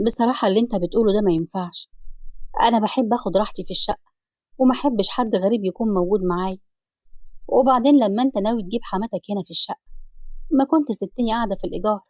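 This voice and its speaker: Woman as a dismissive Egyptian sister, brisk and dry, storybook. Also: mid-range voice, darkish tone, dry recording, natural voice. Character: stubborn, selfish adult sister.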